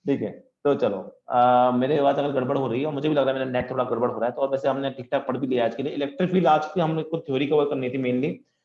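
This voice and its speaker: A man's voice: medium pitch, fairly even intonation, fast talker, a little mellow, reverberant, highs cut off. Joking man teaching a physics class. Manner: joking, chatty, playful with students. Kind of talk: online class lecture. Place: at home.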